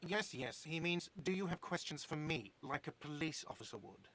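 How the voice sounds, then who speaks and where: A man's voice: a little high, animated, moderate pace, fairly bright tone, a little hiss or hum, pitched above the performer's own voice. Man doing a snippy sarcastic cafe manager. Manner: irritated, sarcastic, nagging about money. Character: grumpy sarcastic male cafeteria manager.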